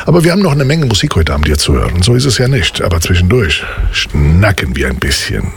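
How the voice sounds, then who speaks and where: A man hosting a casual radio interview, talkative and quick to laugh. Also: deep voice, vocal fry, a little hiss or hum. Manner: lively, talkative, laughs often. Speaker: radio host.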